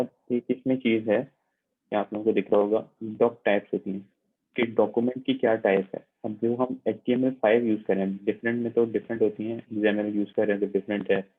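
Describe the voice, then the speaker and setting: Man, lab instructor, online lecture, patient step-by-step explaining, husky voice, narrow tinny audio. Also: on the low side. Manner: patient, repetitive explaining with frequent check-ins. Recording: tinny, phone-like narrow sound.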